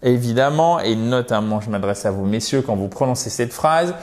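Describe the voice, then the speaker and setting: A man's voice: mid-range voice, moderate pace, darkish tone. A man from France teaching English in an online lesson, patiently repeating words for pronunciation and addressing viewers as dear friends.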